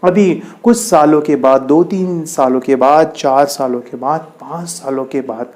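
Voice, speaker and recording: A man's voice: fairly high pitch, unhurried, darkish tone. A man coaching a meditation practice, telling a motivational story emphatically, with lots of repetition. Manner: emphatic, repetitive, counting things off. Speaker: meditation and mind power coach.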